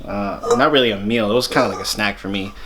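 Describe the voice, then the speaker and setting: A man's voice: on the low side, quick pace. A young man, narrating his fitness vlog in a laid-back, slangy way. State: out of breath while hiking. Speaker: fitness vlogger. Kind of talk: casual vlog voice-over.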